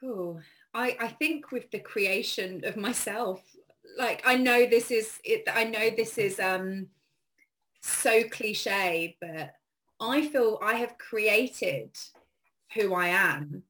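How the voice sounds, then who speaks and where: A woman's voice: medium pitch, slow, a bit bright, slight background noise. A woman being interviewed, talking earnestly and reflectively, with frequent "you know" and "like.". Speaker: interview guest. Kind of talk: casual reflective conversation.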